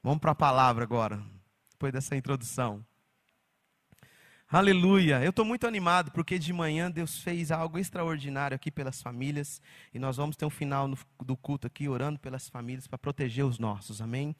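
A man preaching a sermon as pastor, animated, slipping into mocking quoted voices. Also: mid-range voice, brisk.

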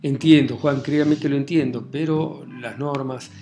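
A man voicing a female helpline operator who is brisk, encouraging and bound by the rules. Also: medium pitch, steady tone, warm tone, faint music behind, natural voice. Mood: bureaucratic. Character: woman helpline operator, cheerfully bureaucratic.

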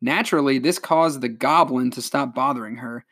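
A man's voice: mid-range voice, normal speed. A man co-hosting a casual podcast chat, reading out folk legends and joking along the way. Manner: joking, animated storytelling. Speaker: podcast co-host.

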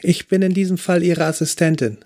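A woman's voice: lowish voice, fairly quick, mellow, voice pushed up, lightly acted. A man voicing a cheeky young female police trainee who mocks her boss. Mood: mocking. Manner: sassy, mocking. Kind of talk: audiobook acting.

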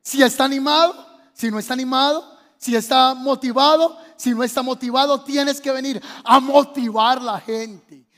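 A male pastor with a Colombian accent delivers a sermon in a strikingly high voice. He repeats his key words and keeps asking the congregation questions. His voice rings out with a long hall reverb. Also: fairly even intonation, normal speed, a bit bright. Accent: Colombian Spanish. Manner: preaching with call-and-response questions and repetition. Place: church.

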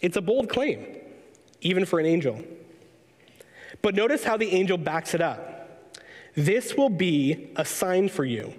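A man preaching a sermon, measured and explanatory, slowing down to read scripture aloud. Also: high-pitched, animated, big-room sound. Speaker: pastor.

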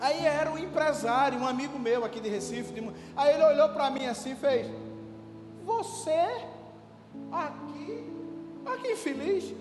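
A man preaches from a pulpit, his voice sitting very high and pushing hard on key phrases. He calls out to the congregation for answers. The sound carries a long hall reverb with music playing beneath. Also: fairly quick, few pauses. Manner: emphatic preaching with call-and-response. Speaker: pastor. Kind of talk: sermon. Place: church hall. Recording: echoey hall with music behind.

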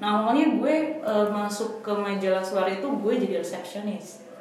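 A woman in her twenties appears as a podcast guest, casually telling her story in slangy speech sprinkled with English phrases. Her voice is medium-pitched and darkish, at a moderate pace, and the very echoey room adds faint noise.

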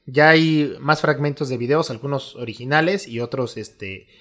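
A young Mexican man with a Mexican Spanish accent, co-hosting a podcast in a relaxed, joking, slangy way. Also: medium pitch, moderate pace. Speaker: podcast co-host. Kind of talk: casual podcast chat.

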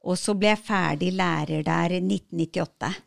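A woman's voice: fairly low pitch, gravelly, no room sound. A woman in her fifties tells a long personal story as a podcast guest, laughing often and restarting sentences along the way. She is recorded on a close mic in a dry space with no room sound. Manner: lively, laughs while telling, many fillers and restarts. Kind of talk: casual storytelling conversation.

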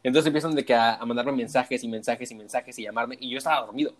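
A man's voice: mid-range voice, fairly even intonation, fast. A young man with a Mexican Spanish accent, hosting a podcast in casual chat and laughing often as he tells stories. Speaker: podcast host.

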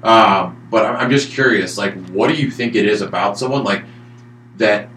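A man working as a recruiter, talking fast and fired up in a casual podcast chat, swearing often. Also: on the low side, a bit bright, roomy sound, slight background noise. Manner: talks fast.

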